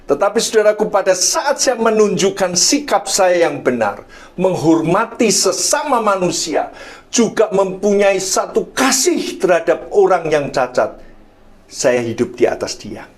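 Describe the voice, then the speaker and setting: A middle-aged man delivers a storytelling sermon in a slightly raised voice. He keeps turning to the congregation as brothers and sisters, and his phrases drop away softly at their ends. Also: high-pitched, sing-song, unhurried. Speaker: pastor.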